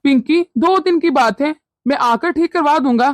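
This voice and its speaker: A woman voicing a calm, placating husband in a cartoon story, pitched well below her usual voice. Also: dry recording, clean studio sound, natural voice. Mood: soothing. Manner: placating, unhurried. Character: adult male husband, calm and soothing.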